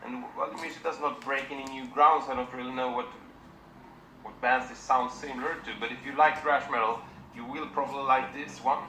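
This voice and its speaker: Bright-voiced man reviewing records. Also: mid-range voice, steady tone, reverberant, slight background noise, low-quality recording. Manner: plain, unhurried, with many fillers and restarts. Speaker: music reviewer.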